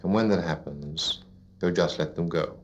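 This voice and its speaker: A man guiding a listener into sleep as a hypnotist, in a soothing, repetitive, deliberate narration with pauses, like a sleep story narrator. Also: low-pitched, background noise. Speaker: hypnotist leading a relaxation induction. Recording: dull lo-fi recording.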